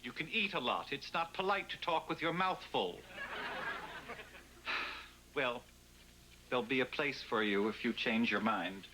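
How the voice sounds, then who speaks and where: A man's voice: mid-range voice, animated, a little slow, pauses often, background noise, lightly acted. An actor playing a formal, loyal male household servant in a 1980s sitcom, precise and dryly ironic.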